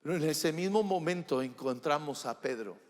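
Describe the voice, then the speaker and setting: A man preaching a live church sermon, swinging from loud declarations to hushed, soft passages. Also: fairly high pitch, expressive, normal speed. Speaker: pastor. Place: church sanctuary during a service. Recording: reverberant church hall with faint music.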